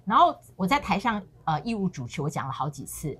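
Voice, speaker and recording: Animated husky-voiced woman telling stories. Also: lowish voice, a little fast. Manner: animated storytelling, acting out quoted voices. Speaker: co-host. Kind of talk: casual talk-show chat.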